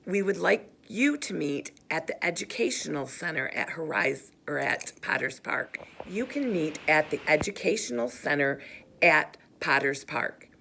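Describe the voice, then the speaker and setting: A middle-aged woman teacher giving a slow, careful briefing to parent volunteers, pausing often as she explains. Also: low-pitched, animated, vocal fry, bright, forceful tone, slight background noise. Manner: slow, careful and instructive, with frequent pauses.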